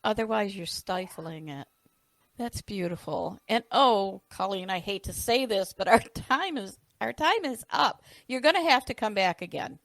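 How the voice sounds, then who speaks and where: A woman's voice: medium pitch, animated, unhurried, gravelly, a bit bright, dry recording. A woman hosting an interview podcast, affirming her guest and steering the conversation. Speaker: podcast host.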